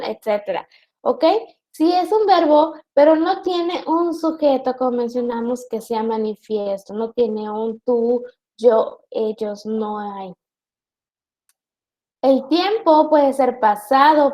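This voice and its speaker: A woman's voice: high voice, a little mellow. A woman teacher giving an online class lecture, explaining patiently and checking in with her students as she goes.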